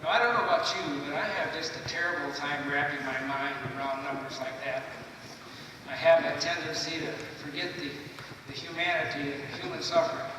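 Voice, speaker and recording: An older man delivers a podium speech in a somewhat high voice, theatrical and emphatic, pausing deliberately as he tells his story. He is picked up from far off in a very echoey hall. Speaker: guest speaker, retired naval officer. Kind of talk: podium speech to a school assembly. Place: large echoing hall. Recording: echoey hall, distant mic, loud noise.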